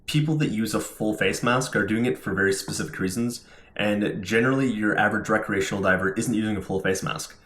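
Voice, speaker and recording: A man's voice: fairly low pitch, a bit bright. A man giving a casual, informal product demonstration as a scuba diver, explaining things step by step. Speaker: scuba diver reviewing gear. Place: indoors at home. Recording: roomy indoor echo.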